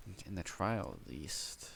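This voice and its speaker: A young man reading a novel aloud, stumbling over words now and then and stopping to react with excited commentary. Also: deep voice, vocal fry, a little hiss or hum. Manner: reads haltingly with slips, breaks off to react excitedly. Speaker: light novel reader and reactor. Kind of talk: casual read-aloud with commentary.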